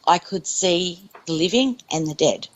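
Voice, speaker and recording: A woman's voice: lowish voice, lively intonation, measured pace, low-quality recording. A woman giving an earnest, emphatic personal testimony in an interview. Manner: earnest, emphatic, repeats herself. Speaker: interviewee recounting a near-death experience.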